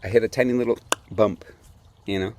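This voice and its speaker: Man, low voice, casual storytelling, animated, acts out quotes, laughs a lot. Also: brisk, a little hiss or hum. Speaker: beer podcast host.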